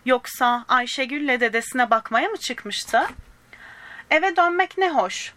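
A woman reading a children's storybook aloud in a gentle manner, speaking directly to young listeners and giving the characters small voices. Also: sits high, expressive, a little slow, no echo.

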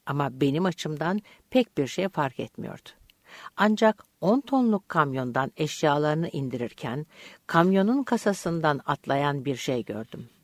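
A woman reading an audiobook chapter aloud in calm, measured scripted narration. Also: sits low, no echo.

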